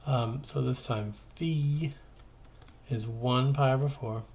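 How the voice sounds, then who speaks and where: Slow and steady, a high school math teacher with a medium-pitched voice gives an informal lesson. He chats conversationally and reasons out loud as he moves through the steps.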